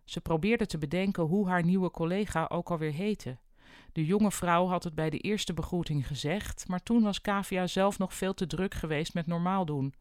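Narrator, audiobook, wry, even, mid pitch, dry close sound. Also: normal speed, clear, resonant tone, no room sound.

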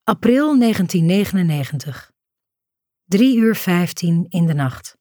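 A woman reads a novel as a first-person audiobook narration, in a slow, measured, hushed delivery. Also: lowish voice, animated, no echo, clean studio sound.

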